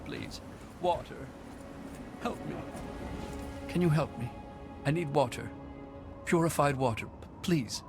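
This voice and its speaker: An actor playing a weak, humble beggar in a video game, speaking in a halting, pleading manner. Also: male voice, on the high side, expressive. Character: weak, pleading male beggar desperate for water. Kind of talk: video game character dialogue. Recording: music behind the voice.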